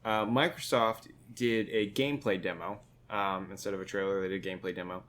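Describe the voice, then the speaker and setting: Rambling low-voiced man on a podcast. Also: fairly even intonation, a little fast, fairly bright tone. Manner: rambling, many fillers and restarts. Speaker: podcast co-host. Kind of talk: casual chat.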